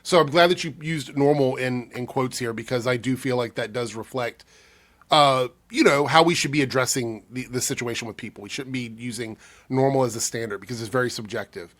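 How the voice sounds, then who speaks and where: A man speaking casually as an online commentator answering viewer comments, breathy from a cold, often pausing and restarting as he thinks aloud. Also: medium pitch, fairly bright tone. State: under the weather with a cold. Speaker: YouTube commentator.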